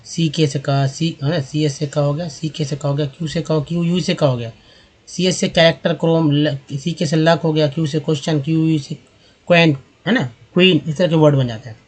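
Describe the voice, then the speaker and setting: A man's voice: on the high side, flat delivery, moderate pace, a little mellow. A man teaching English reading from slides, patiently repeating and drilling each sound for viewers he calls friends. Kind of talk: slide-based lesson.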